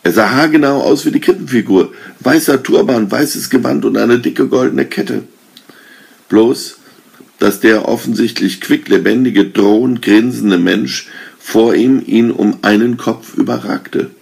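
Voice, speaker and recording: A man reading a Christmas story aloud in a measured, calm storytelling manner. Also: mid-range voice, gravelly, husky. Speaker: reader.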